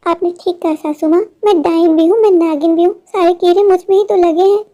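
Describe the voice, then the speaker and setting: A woman's voice: extremely high pitch, fairly even intonation, a little fast, warm tone, dull audio. A woman voicing an indignant young daughter-in-law in a cartoon story, complaining about her in-laws. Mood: defiant.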